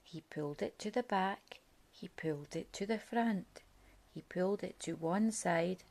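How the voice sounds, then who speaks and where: A woman with a voice on the low side reads a children's picture book aloud, telling the story in a deliberate, expressive way.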